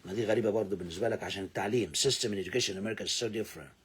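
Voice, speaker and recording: A man with an Egyptian Arabic accent teaching English, repeating words slowly for pronunciation drills and swinging between loud emphasis and low asides. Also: breathy edge. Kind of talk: English lesson explained in Arabic.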